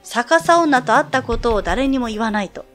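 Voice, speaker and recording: A woman reading aloud as a male high school student who calmly tells a ghost story from a sound novel. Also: moderate pace, soft background music. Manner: calm, storytelling.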